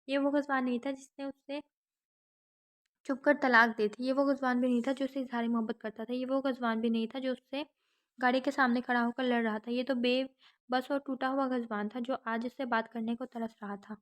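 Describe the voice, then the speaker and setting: A woman narrating a romantic novel as an audiobook in a steady, dramatic reading. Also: fairly high pitch.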